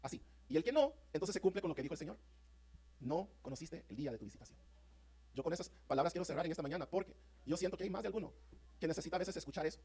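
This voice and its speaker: Male pastor, rapid-fire fervent sermon delivery, high voice. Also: animated, darkish tone, slightly rough. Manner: fervent, rapid preaching with rising emphatic peaks; addresses congregation as brothers, asks "¿están conmigo?". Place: church sanctuary.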